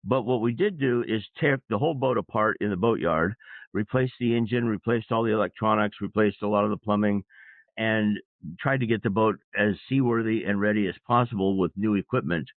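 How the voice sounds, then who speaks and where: A man as an interview guest, a sailor and public speaker, telling his story in a reflective, measured way. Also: on the low side, dry recording. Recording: dry, phone-like line.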